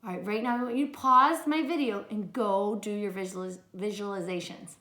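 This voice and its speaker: A kindergarten teacher giving gentle, step-by-step instructions during a read-aloud lesson, filmed on a handheld camera. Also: female voice, mid-range voice, a little fast, reverberant.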